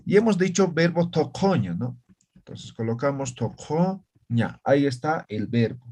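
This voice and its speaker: A man's voice: on the high side, lively intonation, darkish tone. A man teaching an online language class, explaining patiently and often checking that students follow. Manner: slow, patient, checks understanding with "¿ya?" and "¿no ve?".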